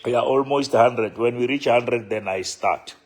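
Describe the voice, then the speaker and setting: A bishop with a Sotho accent casually greets viewers of his livestream, speaking unhurriedly and often repeating phrases. His voice is mid-range.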